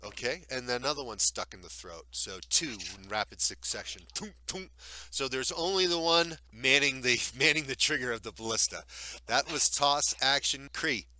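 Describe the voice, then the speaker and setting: A man acts as game master in a recorded tabletop session, calling for rolls and describing blows. His voice is very bright and forward, with a casual, laughing manner. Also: mid-range voice, moderate pace. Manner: relaxed, laughing, describing combat.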